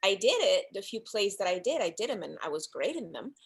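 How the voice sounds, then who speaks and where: A woman guest from the Dominican Republic, chatting casually about her life in an interview over a video call, animated and often laughing. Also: mid-range voice, a little fast, creaky, breathy edge, low-quality recording. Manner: animated storyteller, laughs often, acts out voices. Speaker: guest actress.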